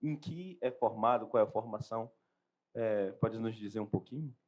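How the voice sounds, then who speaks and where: A young seminarian hosting a podcast interview, asking questions and drawing comparisons in a formal, measured way. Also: male voice, lowish voice, darkish tone. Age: young adult.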